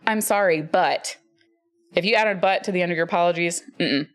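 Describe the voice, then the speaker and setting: Low-voiced woman telling a heated story. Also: racing. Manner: emphatic storytelling, swearing, laughing often. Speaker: podcast co-host. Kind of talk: casual chat.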